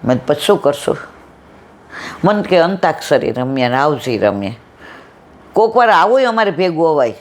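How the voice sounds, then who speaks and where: A woman's voice: low voice, sing-song, normal speed, long pauses. Woman giving a devotional talk. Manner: conversational, acts out quoted dialogue. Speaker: satsang speaker. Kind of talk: devotional discourse with storytelling.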